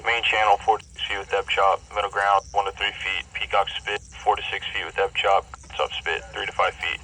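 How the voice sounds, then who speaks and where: A man making a formal coast guard broadcast over marine radio. He reads in measured, short segments. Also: fairly low pitch, little pitch movement, sharp tone. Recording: distant radio sound with faint hiss.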